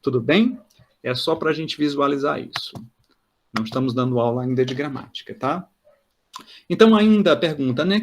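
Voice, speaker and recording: A man teaching an online class, explaining step by step and checking in with "né?" and "tá?" tags. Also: on the high side. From Brazil.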